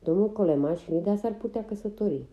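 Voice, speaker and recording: A woman's voice: mid-range voice, lo-fi sound, voice pushed up, natural voice. A woman voicing a blunt, motherly older woman of a wagon train, firm and commanding, in an audiobook.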